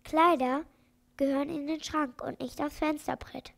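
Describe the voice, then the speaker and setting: A woman voicing a kind, calm old male doctor in a read-aloud children's storybook, speaking firmly but gently. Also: sits high, moderate pace, creaky. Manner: calm, firm.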